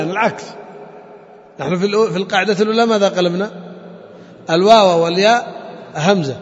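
A male teacher giving a classroom lesson on Arabic grammar, often quizzing his students and repeating key terms. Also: sits high. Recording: lo-fi echoey classroom recording.

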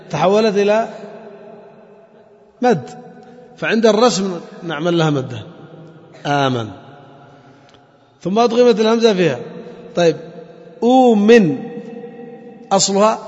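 A man with a high-pitched voice teaches a class, stopping often to quiz the students and repeat key terms. The recording is dull and lo-fi, and his voice rings with a long room echo. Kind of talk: classroom lesson on Arabic morphology.

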